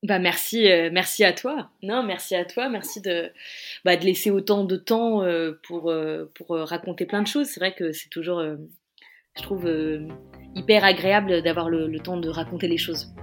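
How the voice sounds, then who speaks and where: Casting: female author interviewee, French accent, low-ish register, conversational, feeling her way through sentences. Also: moderate pace, soft background music. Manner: hesitant, searching for words.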